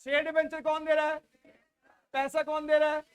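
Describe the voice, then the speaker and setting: A man from India with an Indian accent teaching a class, drilling students loudly and repeating questions for them to answer back. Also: very high voice, monotone, moderate pace. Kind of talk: classroom lecture with call-and-response drilling.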